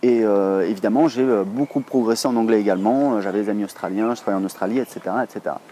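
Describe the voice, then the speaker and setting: A man's voice: fairly low pitch, rapid-fire, dark tone, a little hiss or hum. A French man in his thirties talking casually to camera, chatty and rambling with many hesitations. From France. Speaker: online English teacher, blogger.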